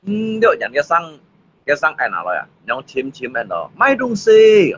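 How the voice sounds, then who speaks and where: A man's voice: mid-range voice, sing-song, quick pace, bright, forceful tone, a little hiss or hum. A man from Indonesia bantering in a casual comic skit. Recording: slightly muffled with faint ambience.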